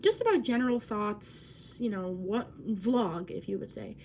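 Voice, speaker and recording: A woman's voice: mid-range voice, very animated, a little slow, a little mellow, slight background noise. A woman in her twenties vlogging at home, talking in an awkward, rambling way, cutting herself off and swearing. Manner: awkward, self-interrupting, swears. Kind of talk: casual rambling vlog. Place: at home by a window.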